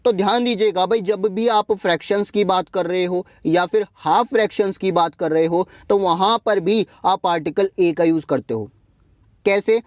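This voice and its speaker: High-voiced man teaching grammar. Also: no echo, clean studio sound. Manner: asks and answers his own questions, repeats key points; reads example sentences slowly and deliberately. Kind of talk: exam-prep grammar lesson.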